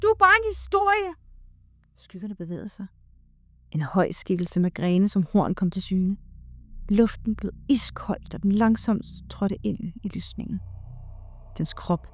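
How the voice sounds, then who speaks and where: A woman giving a slow, hushed and dramatic scripted horror narration, with sudden loud cries. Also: a little high.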